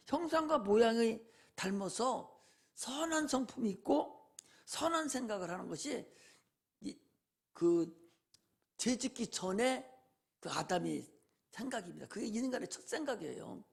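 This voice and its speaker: Gravelly folksy male pastor preaching. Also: very high voice. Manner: folksy preaching with rhetorical questions. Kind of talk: sermon.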